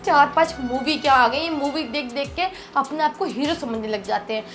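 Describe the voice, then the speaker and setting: Lonely young wife, woman acting, scolding indignant tone, pretty high voice. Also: moderate pace, a bit bright, soft background music. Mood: disgusted. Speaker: actor in a short film. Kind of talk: melodramatic web short film acting.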